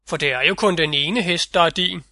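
A man's voice: on the high side, bright, forceful tone, no room sound, studio quality. A man voicing a rich, bullying farmer in a storybook reading, threatening and scolding.

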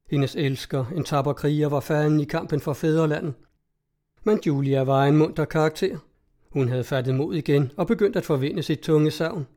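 A man narrating an old tale in a measured, even reading style. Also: a little high. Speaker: audiobook narrator. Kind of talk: storybook narration.

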